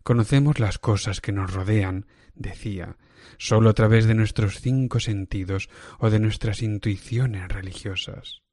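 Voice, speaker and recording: Deep-toned man narrating a dark tale. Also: steady tone, a little slow, no echo, studio quality. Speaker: narrator reading a horror story. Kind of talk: scripted narration.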